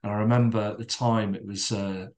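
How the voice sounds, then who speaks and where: A middle-aged man, a podcast guest, reflecting calmly in conversation with frequent fillers and restarts. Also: on the low side. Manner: calm, measured, with many restarts and fillers.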